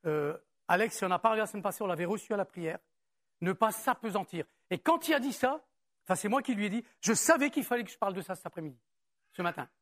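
A man preaching a sermon to his congregation. He talks in a conversational way, asks rhetorical questions and reads scripture aloud more slowly. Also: sits high, lively intonation, fairly bright tone. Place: church service.

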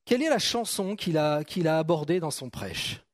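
A man's voice: on the high side, animated, normal speed, no room sound. A man preaching a sermon in a casual, joking way, with frequent restarts and questions to the congregation. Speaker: pastor.

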